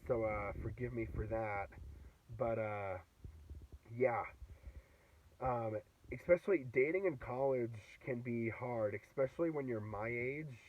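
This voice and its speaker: A man's voice: medium pitch, unhurried. A young man in his twenties talks into his phone from inside a car. His throat is still sore from a cold, and he rambles with plenty of fillers and restarts. The sound is dull and distant, as if the phone sits a little away from him. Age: 20s. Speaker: vlogger. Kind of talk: casual vlog monologue.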